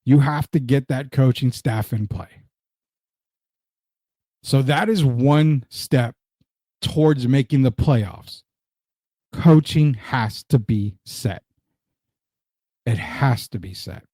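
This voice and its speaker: A mellow, medium-pitched man from Puerto Rico speaks Spanish at a slow pace, pausing often, with no echo. Hosting a casual sports talk show, he repeats his points for emphasis and reads out viewer comments.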